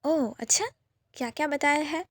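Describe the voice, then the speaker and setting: A loud, mock-outraged young brother who teases his sister and her partner without letup, as a woman narrator puts him on. The voice sits high and dry, read close for a storybook. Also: normal speed, no echo, close to an everyday voice. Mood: teasing, mock-indignant. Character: teasing protective young adult brother.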